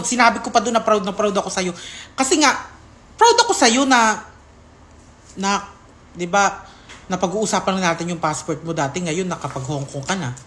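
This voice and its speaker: A woman's voice: on the low side, slight background noise. A woman giving an emotional vlog statement, her voice shaking as she pleads and speaks tenderly to someone directly. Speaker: content creator.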